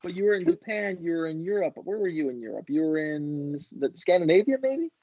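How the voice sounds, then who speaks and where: A man's voice: on the high side, animated, fairly quick, dark tone, dry recording, highs cut off. Chatty male host on a video call. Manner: chatty, eager, with frequent restarts. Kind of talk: casual livestream interview.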